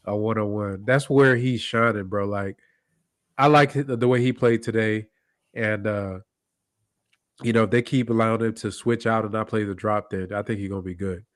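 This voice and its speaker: A man's voice: lowish voice, steady tone, moderate pace, no echo. Congested laid-back man, dry sound. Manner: laid-back, slangy, thinks out loud with fillers. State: sick, congested nasal voice. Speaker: co-host of a basketball podcast. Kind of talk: casual post-game chat.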